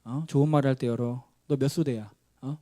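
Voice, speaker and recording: A man's voice: mid-range voice, fairly even intonation, brisk, warm tone, lightly acted. A man voicing an impatient male army company commander who barks orders in a bossy manner.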